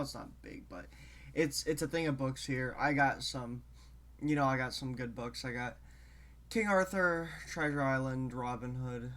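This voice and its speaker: Rambling, halting man, a bit congested. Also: medium pitch, a bit bright. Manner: rambling, halting, drifts between topics. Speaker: show host. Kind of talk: casual solo talk to camera.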